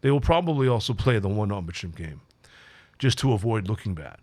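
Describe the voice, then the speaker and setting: A man's voice: fairly low pitch, lively intonation, fairly quick, darkish tone, no echo. A man who works as a life coach, talking casually and reflectively to his audience, with frequent fillers and restarts. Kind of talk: solo talk to camera.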